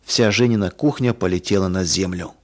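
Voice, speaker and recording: Man calmly reading a children's story. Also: low-pitched, a little fast. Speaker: narrator.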